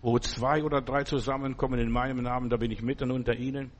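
A pastor preaching a sermon, speaking fervently and directly to the listener, telling stories in a loose, restarting way. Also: male voice, medium pitch, flat delivery, fast talker. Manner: loose, storytelling delivery with restarts.

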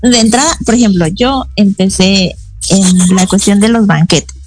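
A husky-voiced woman chats on a radio interview as a guest chef. She tells her stories casually, slipping into the voices of the people she quotes, and her voice sounds dry and close. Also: mid-range voice, a little slow, a little mellow, no echo, faint music behind, low-quality recording. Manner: chatty storytelling, acting out quoted voices.

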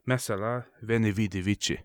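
A man's voice: on the low side, steady tone, no echo, clean studio sound. A man chatting as a podcast guest, boastful and full of street slang. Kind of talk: casual chat.

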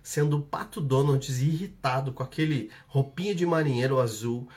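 A man's voice: medium pitch, moderate pace, darkish tone. A man with a Brazilian Portuguese accent who coaches a live audience through an exercise. He repeats his instructions and checks in with short tags. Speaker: coach hosting a live session.

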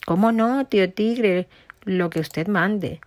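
A woman voicing a timid, flattering little male opossum in a storybook tale, drawing out his words. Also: medium pitch, close to an everyday voice. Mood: eager. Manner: fawning, drawn-out flattery.

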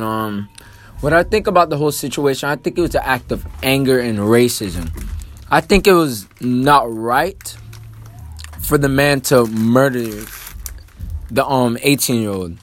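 A young man on a casual talk show, his voice moving lively up and down as he halts and hunts for words. The pitch sits in the middle for a man. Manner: halting, searching for words. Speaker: guest commentator.

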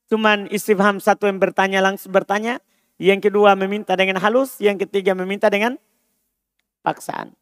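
A man's voice: high-pitched, a bit bright, no echo, clean studio sound. A man teaching an Arabic grammar class at a mosque, repeating terms, translating them and quizzing his students. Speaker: Islamic religious teacher.

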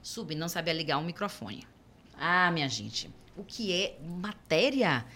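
A middle-aged Brazilian woman chats as a podcast guest, her voice sitting a little low yet sounding bright and forceful. She tells her stories with energy and slips into the voices of the people she quotes. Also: unhurried. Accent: Brazilian Portuguese. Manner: lively, acts out quoted dialogue. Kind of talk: conversational storytelling.

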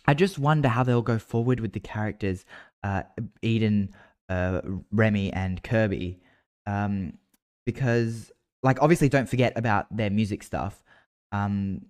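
A man's voice: lowish voice, a little mellow. An Australian man hosting a podcast, talking in a casual, chatty and informal way. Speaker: podcast host. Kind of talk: casual solo podcast chat about a TV soap.

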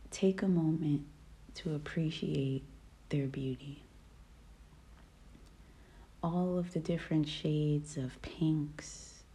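A woman guiding a meditation in a calm, soft voice that often drops to a whisper. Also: low voice. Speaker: podcast host. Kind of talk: guided meditation.

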